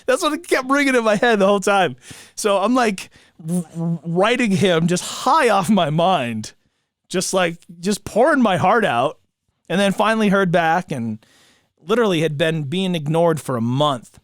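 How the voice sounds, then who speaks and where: A man co-hosting a casual podcast, telling stories in a slangy, excitable way with repeated words. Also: sits high, unhurried, no room sound, clean studio sound. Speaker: podcast co-host; broadcaster. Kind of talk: casual chat.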